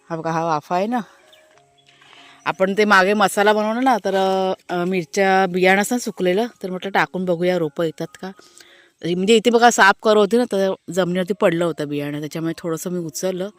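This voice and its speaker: A woman's voice: lowish voice, moderate pace, no echo, soft background music. A woman vlogging casually outdoors in her garden, chatting to viewers and explaining what she shows. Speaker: family vlogger. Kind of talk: casual vlog walkthrough talking to viewers.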